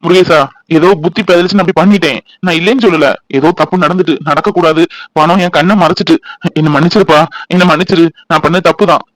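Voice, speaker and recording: A man voicing a middle-aged village man in an animated family drama, talking earnestly and pleading for forgiveness. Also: on the high side, dry recording, natural voice, poor audio. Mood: apologetic. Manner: earnest, explanatory, then pleading apology. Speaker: cartoon voice actor.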